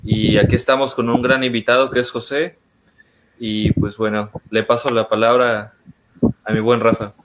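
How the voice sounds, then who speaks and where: A man's voice: medium pitch, level tone, normal speed. A man with a Mexico City accent speaking casually as a talk show panelist. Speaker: panel co-host. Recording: clear background noise.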